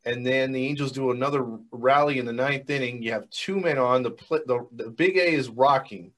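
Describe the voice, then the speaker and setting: A man's voice: medium pitch, normal speed, fairly bright tone. A man co-hosting a casual sports podcast, easygoing, with many fillers and restarts. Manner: laid-back, many fillers, agreeable. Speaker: podcast co-host.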